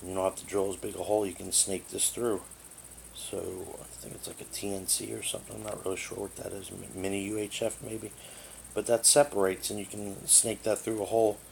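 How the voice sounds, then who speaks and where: Speaking briskly in a fairly low, creaky, flat voice, a man casually walks through a product in a rambling, matter-of-fact way. It's a noisy amateur clip recorded indoors in a living room on a tablet's own microphone.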